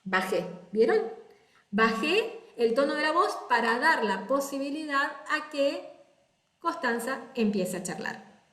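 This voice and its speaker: A woman's voice: high voice, animated, unhurried, fairly bright tone. Woman coaching speakers, echoey room. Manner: explains step by step, models her own intonation. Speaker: speech coach. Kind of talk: webinar lecture. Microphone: video call.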